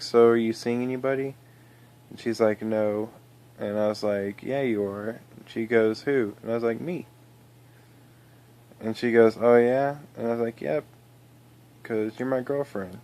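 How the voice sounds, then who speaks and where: Guy kinda low and monotone just rambling thru his own story, lots of restarts and "you know"s. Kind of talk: casual personal storytelling.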